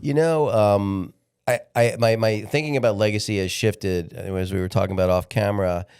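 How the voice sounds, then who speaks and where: A man's voice: lowish voice, fairly even intonation, darkish tone, clear, resonant tone. A man of sixty, a podcast guest talking candidly in a casual interview, often restarting his sentences. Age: 60s. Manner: candid, halting, repeats words when restarting.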